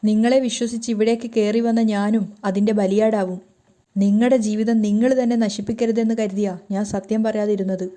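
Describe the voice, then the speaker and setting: A woman voicing a hurt young wife who loudly reproaches and pleads with her hot-tempered husband. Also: medium pitch, steady tone, moderate pace, natural voice. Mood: reproachful.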